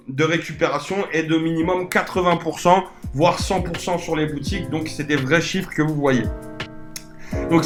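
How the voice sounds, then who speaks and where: A man giving a casual screen-share software tutorial as an e-commerce coach. He talks informally and chattily, often hesitating and correcting himself as he goes. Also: fairly high pitch.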